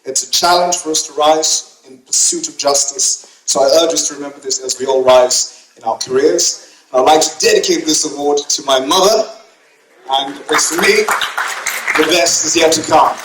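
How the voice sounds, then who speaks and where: A man's voice: on the high side, normal speed, fairly bright tone. A young man giving an earnest, uplifting award acceptance speech at a gala dinner. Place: banquet hall at gala dinner. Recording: echoey banquet hall.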